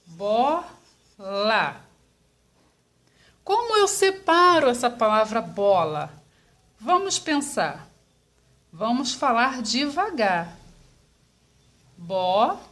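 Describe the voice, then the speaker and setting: Patient Brazilian teacher, drawn-out syllables. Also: female voice, sits high, a bit bright. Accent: Brazilian Portuguese. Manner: draws out each syllable, patient and encouraging. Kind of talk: slow explanatory lesson for young children.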